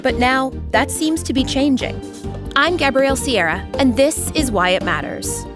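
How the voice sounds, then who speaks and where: A woman hosting a podcast in measured, serious scripted narration. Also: sits high, animated, music in the background. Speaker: podcast host.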